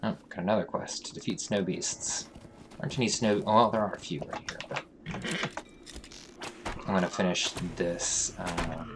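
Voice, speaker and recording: A man's voice: low-pitched, steady tone, moderate pace, long pauses, background noise. A man hosting a let's play, casually commentating his game and thinking aloud with frequent fillers.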